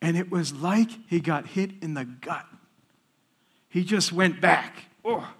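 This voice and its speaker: A man speaking in a church, telling a testimony with lively storytelling and animated voices for the people in his tale. His voice sits a little high for a man, and he takes his time over every phrase. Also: slow, slightly rough.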